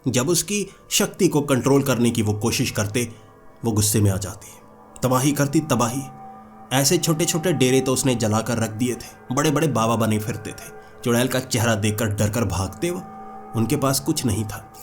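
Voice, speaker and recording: A man's voice: medium pitch, expressive, normal speed. A man narrates a first-person horror story with dramatic flair. His voice climbs sharply at tense moments. Faint music runs underneath.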